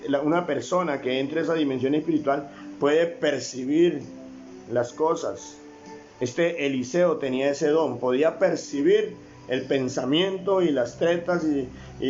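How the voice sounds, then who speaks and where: A man's voice: a little high, darkish tone, dull audio. A man preaching a sermon as a pastor, often calling on his brothers, asking rhetorical questions and repeating phrases.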